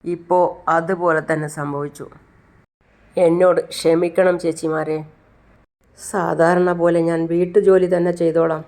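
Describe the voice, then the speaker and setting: A distraught woman blames herself and speaks slowly through her tears, as a female narrator puts her on. The voice sits low and flat, like a plain storyteller reading out a soap scene. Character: grieving woman, distraught and self-blaming.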